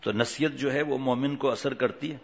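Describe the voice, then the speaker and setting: A man delivering an Islamic sermon, chatting with his audience, asking them questions and acting out the people in his stories. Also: medium pitch. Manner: conversational, asks the audience questions, acts out the voices in his stories. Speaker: Islamic preacher. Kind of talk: sermon with anecdotes. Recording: dull, long hall reverb.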